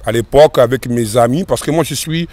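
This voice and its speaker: A man's voice: mid-range voice, fairly quick, darkish tone. Rambling male rapper in his thirties. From France. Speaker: rapper guest. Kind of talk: casual interview answers. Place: outdoors by a river in a park. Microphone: host's handheld mic.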